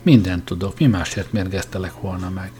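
A man voicing a husband who soothes his dying wife in a murmured, calm way. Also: low voice, lightly acted. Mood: soothing.

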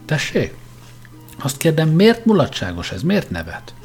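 A cutting, lecturing grandmaster, put on by a male storyteller presses his questions in a lowish, measured voice. He sounds dry and probing. Soft music plays faintly under the reading. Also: animated, close to an everyday voice.

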